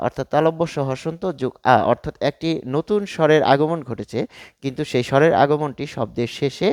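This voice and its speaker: A male teacher giving a Bengali grammar lesson, explaining step by step with frequent pauses and fillers. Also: on the high side, darkish tone, dry recording.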